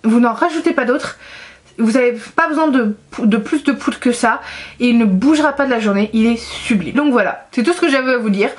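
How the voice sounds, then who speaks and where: A woman's voice: fairly high pitch, brisk. A young woman chatting enthusiastically in a casual beauty product review, with frequent fillers. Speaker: beauty vlogger.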